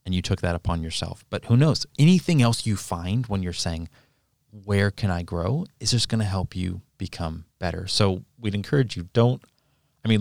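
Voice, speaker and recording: A man with a low, somewhat dark voice co-hosts a podcast, speaking earnestly and encouragingly in relaxed conversation. He thinks out loud and restarts his sentences, and the studio-quality recording has no echo.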